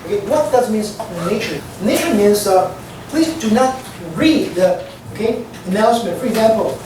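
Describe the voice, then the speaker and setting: Captured from afar by a room mic in a noisy, echoing classroom, an aviation instructor with a mother tongue teaches in a rambling, repetitive way, leaning on "okay" and "you know." The voice is medium-pitched and darkish, with lively intonation and a moderate pace.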